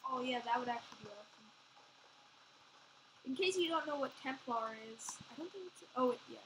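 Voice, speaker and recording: High-voiced woman gamer, noisy mic. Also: animated, brisk. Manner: explains game stats, questions her partner. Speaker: gameplay channel co-host. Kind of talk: casual gameplay chat.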